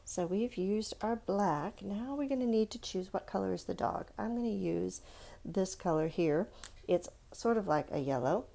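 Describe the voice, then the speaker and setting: A woman's dark, medium-pitched voice with vocal fry and lively intonation moves at a moderate pace as she walks young children through a drawing. Her guidance is simple and encouraging, sprinkled with questions to the listener.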